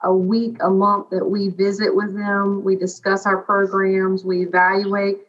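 A woman's voice: medium pitch, monotone, measured pace. Woman, slightly muffled recording. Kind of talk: conversational interview answer. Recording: slightly dull, lo-fi sound.

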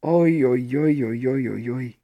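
A man's voice: mid-range voice, lively intonation, normal speed, phone-quality sound, lightly acted. A man doing a fretful wise old troll. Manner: friendly, fretting with moans.

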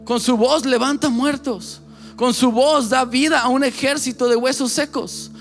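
High-voiced man preaching passionately. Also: steady tone, measured pace, gravelly, faint music behind. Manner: passionate, direct, repeats phrases for emphasis. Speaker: pastor. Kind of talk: sermon.

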